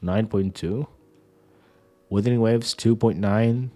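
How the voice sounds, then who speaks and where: Sick with sinus trouble, this streamer sounds stuffed-up and nasal as he jokes around about games, tossing out "dude" and "bro." He talks slowly in a lowish, warm voice that holds a steady tone.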